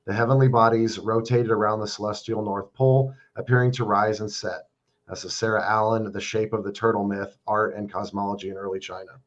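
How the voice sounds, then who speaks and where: A man on a discussion panel, reading his notes in a steady, unhurried way. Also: fairly low pitch, highs cut off. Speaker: panel guest.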